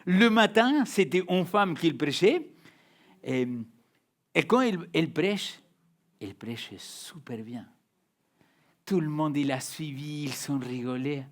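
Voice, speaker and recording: Emphatic pastor with a non-native French accent. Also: male voice, on the high side, lively intonation, takes it slowly, pauses often. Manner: emphatic, varies loud and hushed, repeats words. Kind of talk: sermon.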